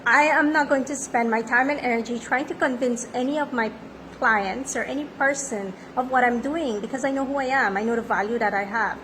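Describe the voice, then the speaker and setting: A woman in her thirties talks as a life coach in a confident, self-affirming way. Her voice sits on the high side. Clear background noise runs under the recording. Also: a little fast, a bit bright, poor audio. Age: 30s. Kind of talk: motivational monologue.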